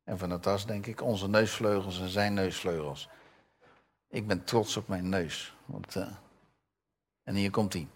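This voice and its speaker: Husky older man preaching a sermon. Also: sits low, steady tone, a little slow, long pauses. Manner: conversational, asks the audience questions; reads scripture with raised voice.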